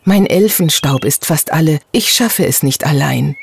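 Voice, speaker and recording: A reader voicing a small, grumpy and fearful female elf who scolds and warns in a high, piping voice. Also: animated, unhurried, vocal fry, a little hiss or hum. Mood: pleading. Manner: bossy, scolding.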